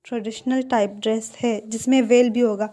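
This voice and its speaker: A woman doing a soft, pleading older sister. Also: on the high side, fairly even intonation, moderate pace, natural voice. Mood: gentle. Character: gentle caring older sister.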